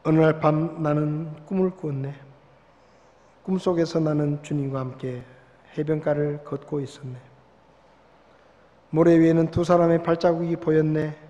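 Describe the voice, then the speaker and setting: A male pastor preaching a sermon. He swells loud and slows down on the scripture, then drops to a hush on key words. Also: a little high, level tone, muffled recording. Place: church sanctuary. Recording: long church hall reverb.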